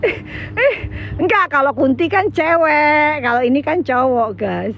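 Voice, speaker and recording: A woman's voice: high-pitched, animated, a little slow, a bit bright, slight background noise. A woman vlogging outdoors, teasing and laughing hard while she comments on a friend. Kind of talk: casual commentary while filming.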